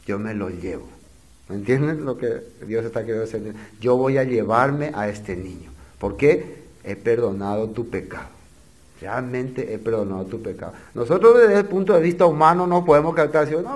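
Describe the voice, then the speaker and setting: Emphatic man preaching with rhetorical questions. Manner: asks the congregation many rhetorical questions; swings between loud emphatic phrases and soft low asides. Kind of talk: expository sermon.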